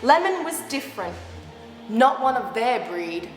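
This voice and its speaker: A children's storyteller with a fairly high voice reads a picture book to young kids. She's animated, with exaggerated reactions, gasps, drawn-out words and little asides. The recording has the echo of a roomy hall, with music playing in the background.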